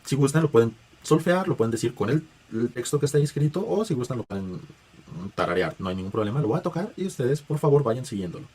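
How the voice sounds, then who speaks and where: A man's voice: medium pitch, sing-song, fast, darkish tone. A man gives a patient spoken music lesson, guiding students through chant tones with filler words and restarts. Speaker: music teacher.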